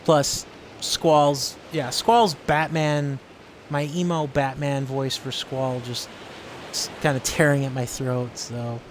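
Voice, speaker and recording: A man's voice: mid-range voice, fairly even intonation, takes it slowly, slight background noise. A man casually commenting while streaming a video game, rambling and thinking aloud. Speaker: let's-play streamer.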